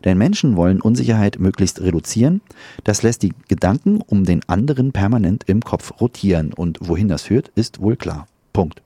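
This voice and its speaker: Middle-aged male co-host, low mellow voice with lively swings, husky edge, dry close mic. Teasing, reads quotes drily. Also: moderate pace, no echo. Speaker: radio co-host. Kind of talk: casual chat.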